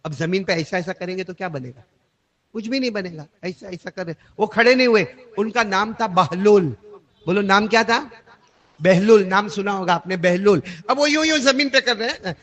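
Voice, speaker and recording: A man preaching through a story, animated and calling on the audience to repeat after him. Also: sits high. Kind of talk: storytelling sermon.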